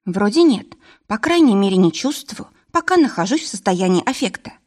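In this audiobook, a woman reads at normal speed while voicing a young woman who is panicky and excitable. The character cries out in shrill, frantic bursts, and the mood is fretful.

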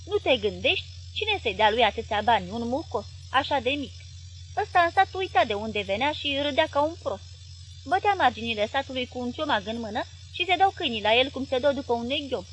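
A woman reading an audiobook plays a gruff, growling man, full of scorn and anger at a relative, his words pushed out loud and high. He snaps and grumbles indignantly at his wife. A faint hiss sits under the reading. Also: very animated. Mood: angry, scornful.

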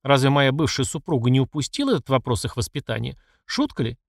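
A man's voice: medium pitch, animated, quick pace, creaky, dry recording, clean studio sound. A man voicing a furious middle-aged emperor who scolds and accuses his mother. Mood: angry. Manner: angry and accusing.

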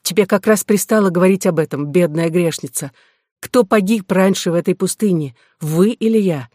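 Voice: mid-range voice, moderate pace, darkish tone, dry recording, studio quality, close to an everyday voice. A reader voicing a proud woman worn out by suffering, who speaks in an anguished, pleading way, in an audiobook of a classic novel. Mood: bitter. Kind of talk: audiobook reading.

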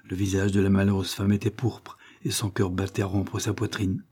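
A man narrating a classic novel in a measured, low reading voice. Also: level tone, darkish tone, husky. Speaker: audiobook narrator.

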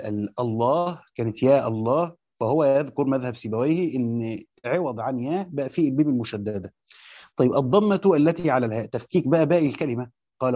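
A man's voice: medium pitch, dark tone, no echo. A man with an Egyptian Arabic accent teaching a grammar lesson, reading a classical text aloud and then explaining it in everyday speech with hesitant restarts. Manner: hesitant, with frequent fillers and restarts. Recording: dull, muffled sound.

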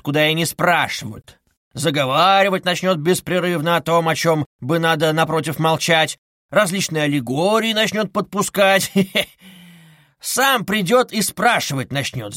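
A man's voice: on the high side, fairly bright tone, no room sound, studio quality, pitched above the performer's own voice. A man voicing a sly, fawning middle-aged male investigator who wheedles and needles with ingratiating asides. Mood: sly wheedling.

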